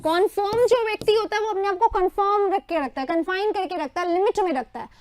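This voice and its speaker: High-voiced woman teaching vocabulary. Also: no echo. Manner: repeats Hindi word meanings in quick lists. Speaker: English teacher. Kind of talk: exam prep lesson.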